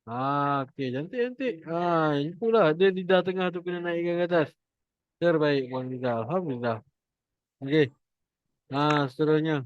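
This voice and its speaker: A man with a Malaysian Malay accent teaching Quran recitation online, demonstrating sounds slowly and repeating them for students. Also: fairly high pitch, no echo, highs cut off. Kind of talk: online class instruction.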